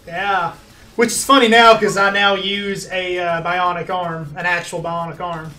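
His voice sits high and sharp, level in tone and unhurried. He's a laid-back twenty-something streamer hosting a casual gaming session on a headset mic, poking fun at himself while faint game music plays behind.

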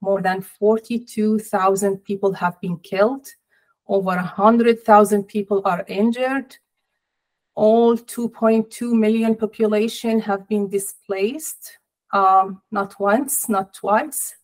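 A middle-aged woman speaking as an interview guest over a video call, measured and sorrowful, with deliberate pauses. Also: medium pitch, fairly even intonation, low-quality recording. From Palestinian, family in Jordan. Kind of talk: personal interview. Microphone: laptop or webcam on video call.

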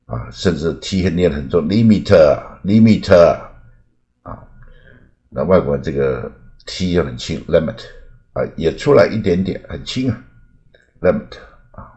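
A very deep-voiced man from Taiwan, a native Mandarin speaker, chats his way through an English pronunciation lesson. He peppers his talk with little filler particles, and he slows down to repeat each example word several times. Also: a little mellow. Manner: chatty, fills with "啊" and "嘛", repeats words slowly to demonstrate. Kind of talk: casual spoken lesson.

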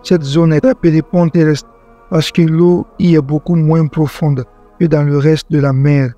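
A man tells a religious story in a measured, earnest scripted narration, his voice sitting a little high for a man yet mellow and warm. Quiet music plays softly behind him. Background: faint background music.

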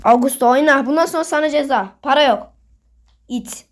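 A woman's voice: high voice, brisk. A woman giving casual commentary while playing a football manager game, getting worked up and scolding the players on screen as she talks to her viewers. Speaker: gaming video host.

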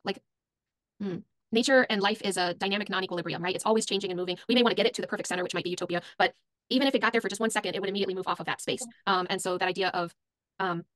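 A woman in her forties explains ideas at a quick pace, thinking aloud with frequent ums. She speaks over a laptop video call, and the sound is dry and close. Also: medium pitch, fairly bright tone, no echo. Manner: thoughtful, explanatory, many ums. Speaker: panelist, biomimic. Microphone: laptop webcam video call.

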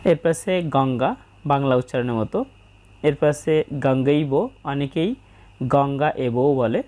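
A woman teaching how to pronounce a prayer, speaking slowly and carefully and sounding out each syllable. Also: rumbling low, mellow. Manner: slow, careful, syllable-by-syllable explanation. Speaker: religious teacher. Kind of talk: pronunciation lesson.

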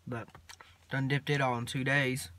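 A teenage boy, rambling casually to his phone camera from inside a parked truck, mumbling in a laid-back drawl with long pauses. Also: medium pitch, little pitch movement, sharp tone, a little hiss or hum. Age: teens. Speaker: vlogger. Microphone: phone camera at arm's length.

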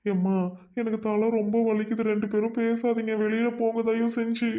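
A woman's voice: on the high side, completely flat delivery, brisk, warm tone, natural voice. A woman with a Trichy Tamil accent acting an injured young husband, weary and pleading with his bickering family. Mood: exasperated. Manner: exasperated pleading.

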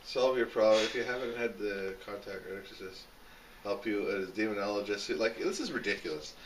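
A young man from Canada in casual, animated banter, ranting with exasperation about his own film. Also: on the low side, brisk, noisy background. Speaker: filmmaker in home sketches.

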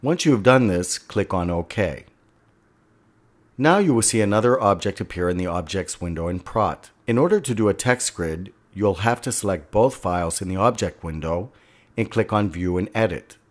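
Over a screen recording, a male instructor with a very low voice guides viewers step by step through a software tutorial. His directions are plain and steady, delivered at a moderate pace.

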